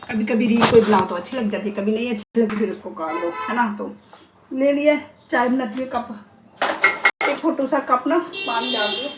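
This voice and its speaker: A woman's voice: fairly high pitch, moderate pace, loud music behind the voice, low-quality recording. A middle-aged woman chatting playfully to her viewers in a casual home vlog. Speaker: vlogger.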